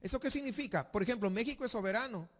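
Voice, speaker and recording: High-voiced male pastor preaching in a church. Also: a bit bright. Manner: emphatic preaching, slows for reading scripture aloud. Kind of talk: sermon. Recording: long church reverb.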